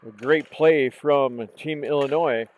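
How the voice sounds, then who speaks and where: A man calling a junior women's hockey game play by play, hoarse from losing his voice, calm and unhurried, correcting himself now and then. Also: medium pitch, lo-fi sound. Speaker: play-by-play commentator. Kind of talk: live hockey commentary. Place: outdoor rink in cold weather.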